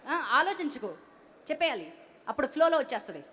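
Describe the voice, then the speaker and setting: An energetic woman anchors a stage event. She teases the audience and calls people up in a high voice. Her words ring with the long reverb of a big venue. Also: fast talker, slight background noise. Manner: energetic, teasing, calls out to the crowd.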